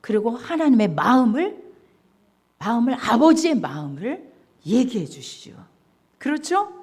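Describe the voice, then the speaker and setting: A woman's voice: on the high side, very animated, measured pace, a little mellow, breathy edge. A woman pastor preaching a sermon, acting out dialogue and putting questions to the congregation.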